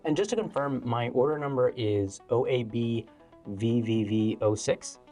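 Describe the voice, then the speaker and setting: A man ordering food at a drive-through, making polite, unhurried requests in a demo video clip. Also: medium pitch, dark tone, soft background music. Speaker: presenter in a product demo.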